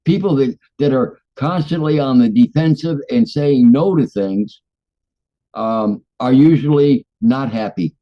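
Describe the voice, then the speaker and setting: A man's voice: medium pitch, a little slow. An older man co-hosting a casual talk show, plainspoken, often repeating words as he searches for them. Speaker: regular co-host. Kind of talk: casual conversation. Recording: dull lo-fi sound.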